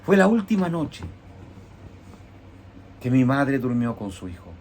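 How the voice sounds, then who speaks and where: A man preaching a heartfelt personal testimony, his voice dropping low and soft, then rising with emphasis. His delivery swings between hushed storytelling and emphatic declarations, with a faint hiss behind him. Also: big pitch swings, measured pace. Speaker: evangelical preacher.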